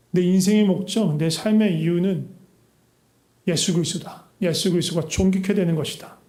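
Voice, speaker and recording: A man with a high, mellow voice preaches an earnest sermon, pressing his listeners with rhetorical questions. His words ring out through an echoey church hall. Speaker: pastor. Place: church sanctuary.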